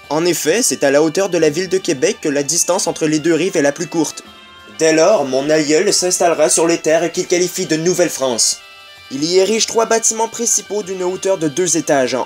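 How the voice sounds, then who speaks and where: A man with a Québécois accent narrating a comic history lesson with wry, sarcastic asides. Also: on the high side. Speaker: video host.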